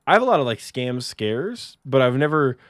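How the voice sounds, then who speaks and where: Podcast co-host, male, mid pitch, rambling self-deprecating storyteller, dry close mic. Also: sing-song, normal speed, a bit bright, no echo. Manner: rambling, many fillers and restarts, self-mocking. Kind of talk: casual storytelling chat.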